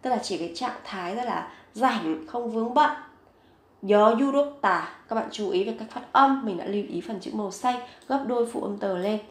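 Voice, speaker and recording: A woman teaching a vocabulary lesson, saying each word several times, slowly and clearly. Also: medium pitch, roomy sound. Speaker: Korean language teacher.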